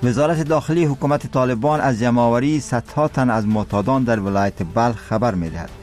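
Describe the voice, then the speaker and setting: A man's voice: medium pitch, darkish tone. A man with an Afghan accent reads a scripted news bulletin in a solemn, formal manner. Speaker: radio newsreader. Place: radio studio.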